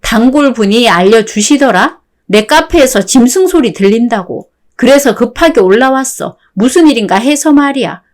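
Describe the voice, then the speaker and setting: A synthetic woman's voice playing a fed-up wife, calm, sarcastic, firm, radio-drama style, slightly high voice. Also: normal speed, close to an everyday voice. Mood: cold. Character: fed-up wife, cool and cutting.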